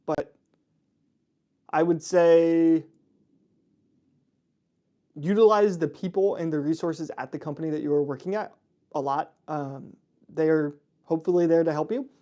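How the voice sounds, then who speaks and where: A man's voice: a little high, a little slow, long pauses, mellow. A young man hosting a casual livestream Q&A, reading out viewer questions and answering them in a chatty, laid-back way with frequent fillers and laughs. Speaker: host answering viewer chat.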